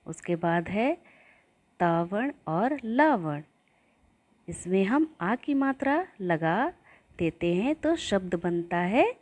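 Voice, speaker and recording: A woman teaching young children, chanting rhymes and sounding out syllables in a slow sing-song way so they can repeat after her. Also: mid-range voice, darkish tone. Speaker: primary school teacher.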